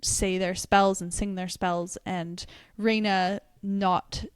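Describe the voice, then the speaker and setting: Speaking slowly and clearly, this young podcast co-host has a mid-range, level voice with a resonant tone. The studio-quality recording has no echo as she chats casually and animatedly about books, laughing often.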